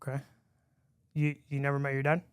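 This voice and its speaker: Smooth-voiced man hosting a podcast. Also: mid-range voice, completely flat delivery, fairly quick, no echo, studio quality. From lives in Miami. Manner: easygoing, chatty, frequent restarts and laughs. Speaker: podcast host. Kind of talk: casual interview chat.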